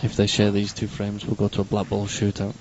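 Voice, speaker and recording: A man's voice: on the low side, monotone, brisk. A man commentating live on a pool match, chatty with wry asides to viewers. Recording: dull lo-fi stream audio with noise.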